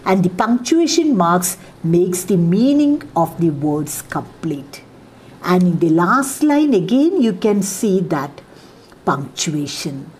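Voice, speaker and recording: Speaking slowly in a low, darkish voice that swings widely in pitch, a middle-aged Indian woman lectures a college literature class. She has a Kerala English accent and leans on repeated examples and frequent "ah, see" fillers.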